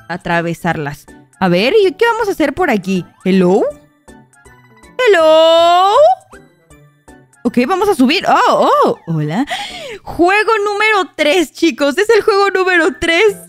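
A young woman giving excitable Roblox gameplay commentary, talking to her viewers and shrieking when startled. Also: high-pitched, unhurried, soft background music. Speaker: gaming YouTuber.

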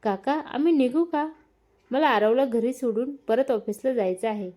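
Young husband, brisk and reassuring, lady narrator doing him, warm tone. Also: a little high, natural voice. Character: kind hurried young husband.

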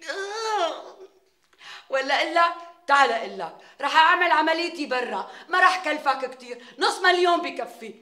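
An actress playing a scheming, melodramatic neighbor woman with a Damascene Syrian accent, who wails, flatters and wheedles in a TV sitcom. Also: high-pitched, brisk, roomy sound. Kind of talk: TV sitcom acting.

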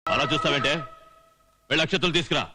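A man's voice: a little high, fast talker, noisy background, lightly acted. An actor playing an outraged father who sarcastically scolds his eloped daughter and her new husband in a comedy film scene. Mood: indignant.

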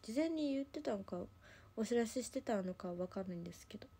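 A woman's voice: on the high side, animated, quick pace, vocal fry, mellow, husky. A young woman with a Kansai accent, chatting casually on a livestream and rambling through a story with lots of fillers. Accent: Kansai Japanese. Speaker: idol livestream host.

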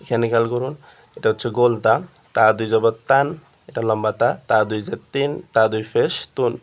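Male Quran reading teacher, steady flat delivery, slow and patient drilling. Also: mid-range voice. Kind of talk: step-by-step recitation lesson.

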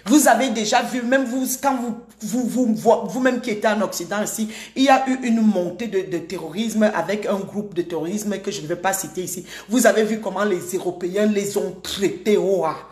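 A woman's voice: mid-range voice, normal speed, few pauses, darkish tone, reverberant. A woman hosting a live stream, taunting her critics and greeting commenters by name in a combative way. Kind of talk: live-stream political rant.

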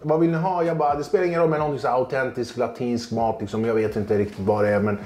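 Brief: male comic guest, medium pitch, animated anecdotes, roomy kitchen sound. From Sweden, Kurdish family roots. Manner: tells anecdotes, acts out quoted voices, laughs often. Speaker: stand-up comedian guest. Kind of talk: casual chat, animated storytelling.

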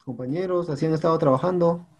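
A man's voice: on the high side, quick pace, a little mellow. A male teacher, patiently walking his students through an online class platform and often checking in with them. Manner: patient, repeats "compañeros" and "¿sí?" often.

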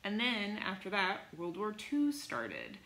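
A young woman teaching music online, telling a story in a chatty, animated way with many fillers. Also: medium pitch, slow pace. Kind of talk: casual online music lesson. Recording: echoey room with faint background hiss.

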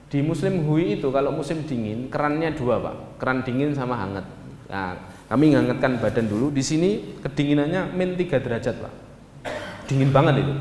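A man from Indonesia, telling a travel story to an audience in a lively way, often addressing listeners as "Pak" and acting out the dialogue. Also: on the high side, slight background noise. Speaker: speaker recounting a journey. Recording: echoey hall with long reverb.

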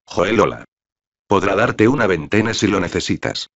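This is a shy, quiet man, read out by a man who does no real voice for him. The delivery is low and flat, like a script being read aloud. The recording is muffled and lo-fi. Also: moderate pace, no echo, heavily acted.

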